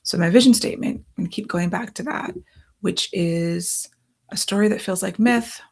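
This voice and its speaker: Gravelly, husky woman thinking aloud. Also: medium pitch, moderate pace. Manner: thinking aloud, reading quotes from cards. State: losing her voice. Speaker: author. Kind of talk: casual talk-through of writing process.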